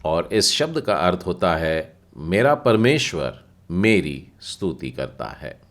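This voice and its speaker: A man's voice: low-pitched, very animated, slow pace. A man teaching a Bible language class, patiently spelling out letters and their sounds step by step. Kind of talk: slow explanatory lesson.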